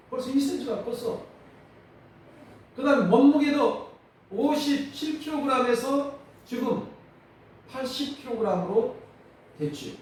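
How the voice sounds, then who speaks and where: A male pastor with a Jeolla accent preaching a sermon, animated and calling out questions to his congregation. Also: very high-pitched, slight background noise. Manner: animated, calls for congregation responses. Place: church sanctuary. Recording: distant mic in echoey church hall.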